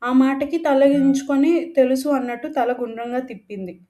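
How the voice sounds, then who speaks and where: A woman reading a romantic audio story aloud in a steady, expressive way. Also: high voice, normal speed. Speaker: narrator. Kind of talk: scripted story narration.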